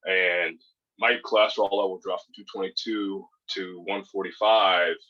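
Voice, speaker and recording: A man's voice: low-pitched, fairly even intonation, normal speed, bright, forceful tone, highs cut off, slight background noise. A man in his thirties, born in California and raised in Hawaii and Spain, talking as a guest on a podcast in a laid-back, rambling way with lots of fillers and restarts. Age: 30s. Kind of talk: casual podcast interview.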